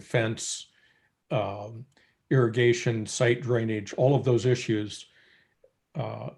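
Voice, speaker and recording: A man on a group video call, a commission member giving measured remarks at a public meeting, with frequent filler pauses. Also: lowish voice, vocal fry, darkish tone. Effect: heard over a group video call.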